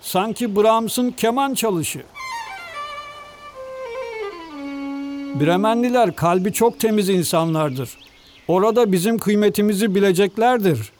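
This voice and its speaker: A man's voice: high-pitched, moderate pace, darkish tone, faint music behind, natural voice. A man voicing an old, cheerful male donkey in a storybook reading, coaxing and kindly. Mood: admiring.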